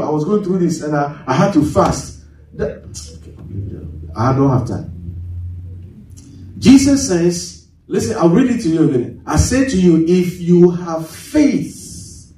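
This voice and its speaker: A man's voice: sits high, mellow. A male pastor preaching a sermon, quizzing the congregation with call-and-response questions and repeating key words for emphasis. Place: church. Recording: very echoey church hall, mic at a distance.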